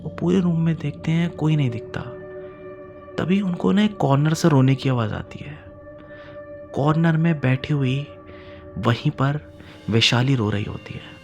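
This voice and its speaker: A man narrating a horror story in a dramatic way, repeating phrases and swinging between loud emphasis and hushed lines. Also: fairly high pitch, a little slow, pauses often, highs cut off, soft background music.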